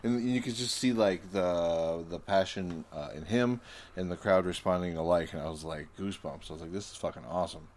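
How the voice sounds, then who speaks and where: Male co-host, deep voice, casual laid-back chat, emphatic. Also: fairly even intonation, brisk, a little mellow. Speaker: podcast co-host.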